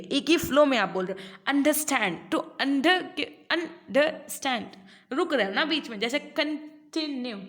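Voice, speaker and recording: An Indian woman teaching an online class, explaining patiently in Hindi and reading English passages slowly aloud. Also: sits high, a bit bright, reverberant. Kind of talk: online lecture.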